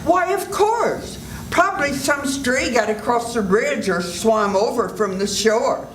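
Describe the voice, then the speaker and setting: A woman playing a calm doctor in a live old-time radio drama, reassuring and matter-of-fact. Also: a little high, measured pace, slight background noise. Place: senior center stage. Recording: echoey hall.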